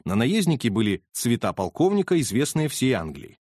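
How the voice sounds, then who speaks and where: Lively man narrating a story. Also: medium pitch, normal speed, dry recording, studio quality. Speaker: audiobook narrator.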